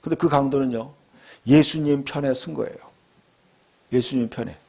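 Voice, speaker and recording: A man's voice: mid-range voice, normal speed, vocal fry, darkish tone. A middle-aged male pastor preaching a fervent sermon, often calling out to his congregation.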